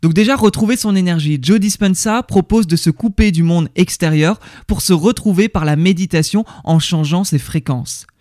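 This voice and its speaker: A talkative man with a fairly high voice explains ideas straight to his listener in a relaxed, conversational way. He hesitates often and repeats words as he gathers his thoughts. The recording is dry and close, with no room echo. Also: normal speed, few pauses. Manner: chatty, addresses the listener directly. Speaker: vlogger reviewing a seminar. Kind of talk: casual talk to the viewer.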